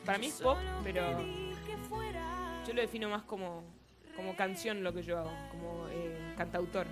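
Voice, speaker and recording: A woman's voice: lowish voice, fairly even intonation, normal speed, loud music behind the voice. A young woman from Argentina, a singer-songwriter, chatting casually in a TV studio interview with easy laughs and hesitant fillers. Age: young adult. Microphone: headset mic.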